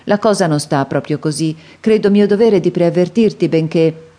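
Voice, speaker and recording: Brief: meek middle-aged father, apologetic and hesitant, low and warm read by a woman for a storybook. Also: normal speed, close to an everyday voice. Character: kindly, weak, embarrassed middle-aged father. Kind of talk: audiobook character reading.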